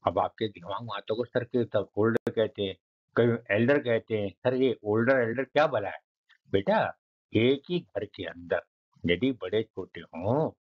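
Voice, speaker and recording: Fatherly male grammar teacher, dull recording. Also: fairly low pitch. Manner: calls students "beta", repeats and spells words slowly. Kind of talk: classroom grammar lesson.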